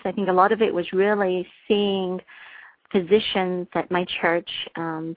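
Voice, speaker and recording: A woman with a lowish voice speaks earnestly and warmly, pausing often with ums as she answers. The sound is dry and narrow, like a phone line. She is a doctor from England talking as an interview guest. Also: no room sound. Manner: warm, earnest, many ums and restarts. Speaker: family physician, guest. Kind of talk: casual interview talk.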